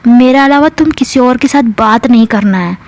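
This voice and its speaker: A woman's voice: on the high side, normal speed, darkish tone, voice pushed up, lightly acted. A woman voicing a jealous, hot-tempered young woman scolding her partner in a told love story.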